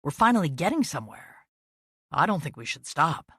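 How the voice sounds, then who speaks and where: A man's voice: a little high, very animated, normal speed, pushed and bright, slightly rough, dry recording, studio quality, heavily acted. A woman narrator voicing a frustrated, restless husband who snaps defensively in an audiobook. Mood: pleading. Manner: snappish, defensive.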